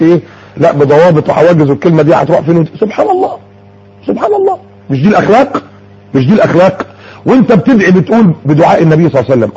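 Egyptian preacher, quick and lively. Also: male voice, a little high, husky, dull audio. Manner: lively, shifting from formal recitation to chatty storytelling. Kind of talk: sermon with colloquial asides.

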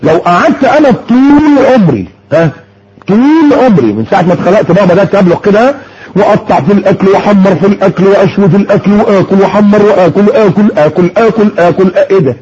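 A man's voice: high-pitched, animated, very fast, a little mellow, a little hiss or hum. A man with an Egyptian Arabic accent preaching a sermon, firing rhetorical questions and mockingly repeating words. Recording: muffled lo-fi audio.

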